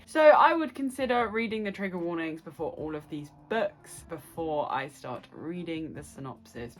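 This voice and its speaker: Chatty woman with a stuffy nose. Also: lowish voice. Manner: chatty, bubbly, goes on tangents. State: congested from a cold, nasal. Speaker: book vlogger. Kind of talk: casual chat to camera.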